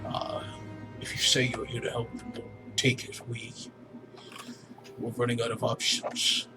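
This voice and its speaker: A man voicing a weary male alien mine overseer who speaks haltingly, with many pauses and restarts. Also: medium pitch, completely flat delivery, lightly acted, poor audio. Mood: grave. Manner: hesitant, halting, full of pauses. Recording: music playing behind.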